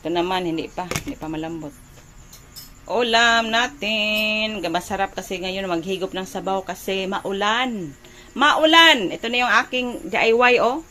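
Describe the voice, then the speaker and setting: A woman's voice: mid-range voice, moderate pace, pushed and bright. Chatty woman from the Philippines vlogging. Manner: chatty, rambling, searches for words with "ano". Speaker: home vlogger and mother. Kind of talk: casual home vlog chat.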